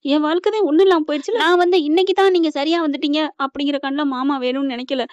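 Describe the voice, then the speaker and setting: A woman's voice: sits high, fairly even intonation, very fast, no room sound, lightly acted. A woman voicing a heartbroken young woman who pleads through tears. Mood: tearful pleading. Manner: sobbing, pleading. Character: tearful young woman, heartbroken and self-blaming. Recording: dull lo-fi recording.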